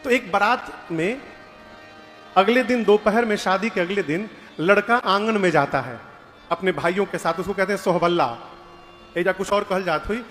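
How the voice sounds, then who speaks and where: High-voiced man telling a sermon story in a hall. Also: moderate pace, fairly bright tone. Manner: conversational, questions the audience, acts out dialogue. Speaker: kathavachak, religious storyteller. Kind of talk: devotional sermon with anecdotes. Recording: reverberant hall with faint music.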